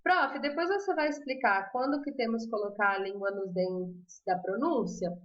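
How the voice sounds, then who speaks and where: A woman's voice: on the high side, moderate pace, fairly bright tone. Chatty Brazilian woman teaching live. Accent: Brazilian Portuguese. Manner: chatty, laughs often, reads viewer comments aloud. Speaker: Spanish teacher. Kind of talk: casual live-stream lesson. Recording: roomy, slightly dull live-stream audio.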